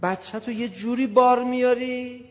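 A man giving an animated, conversational sermon to a gathering, acting out little scenes as he goes, in an echoey hall on a dull, lo-fi recording. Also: very high voice. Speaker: preacher. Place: hall with an audience.

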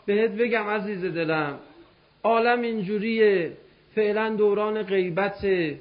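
A man's voice: high voice, dull audio. A man telling a religious story as a sermon, impassioned and calling out directly to his listeners. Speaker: religious preacher.

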